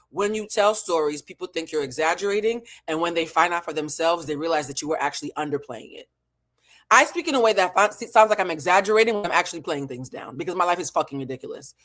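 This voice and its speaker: An American woman from New England talks fast and animatedly in a lowish, slightly bright voice. As an online show host and emotional intelligence teacher, she offers a blunt, profane, emphatic reality show recap to camera, repeating points for effect.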